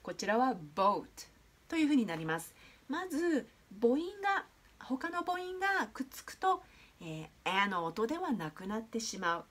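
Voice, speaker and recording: Lively-voiced woman teaching pronunciation. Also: a little high, normal speed. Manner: explanatory, with frequent hesitation fillers. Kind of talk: explaining a pronunciation lesson.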